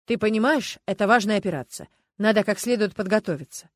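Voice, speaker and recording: A woman's voice: mid-range voice, fast, dry recording, lightly acted. A woman voicing a curt, busy police officer boyfriend who talks firmly and dismissively.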